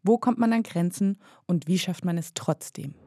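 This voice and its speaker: A woman's voice: on the low side, normal speed, heavy background noise. A woman reporter and filmmaker talking fluently and explaining at length on a podcast. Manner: fluent, explanatory, with occasional "äh" fillers. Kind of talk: podcast conversation and narration.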